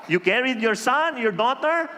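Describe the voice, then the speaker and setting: A male pastor with a Filipino accent delivers a sermon, switching between languages and acting out little scenes. His voice is bright and swings widely in pitch. A long reverb from the church hall trails every phrase. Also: unhurried. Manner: animated storytelling, mixing Tagalog and English, acting out dialogue.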